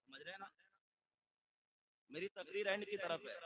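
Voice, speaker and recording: A man's voice: sits high, moderate pace, sharp tone, no room sound, poor audio. A man preaching a sermon to a gathering, posing questions and answering them himself, repeating key phrases for emphasis. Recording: live gathering with crowd noise.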